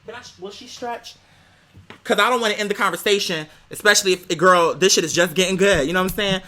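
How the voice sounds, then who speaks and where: An American vlogger rants a casual story to his viewers, sassy, theatrical, and heavy on slang. He has a high voice with a sharp tone and talks fast.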